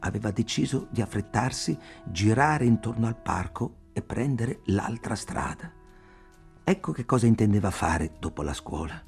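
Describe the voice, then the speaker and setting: A man narrating an audiobook in a measured, deliberate way. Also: lowish voice, big pitch swings, gravelly, a little mellow, soft background music.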